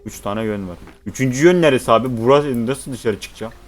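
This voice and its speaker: A man's voice: medium pitch, fairly quick, soft background music. A man commentating on a horror game as he plays, cursing constantly and reacting jumpily to scares. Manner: swears constantly, jumpy and panicky. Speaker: gaming streamer.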